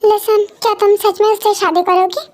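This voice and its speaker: A woman's voice: very high-pitched, little pitch movement, moderate pace, darkish tone. A woman voicing a possessive, teasing young husband in an amateur romantic audio drama, insistent and mixing in English words. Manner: pleading then insistent, mixes English words.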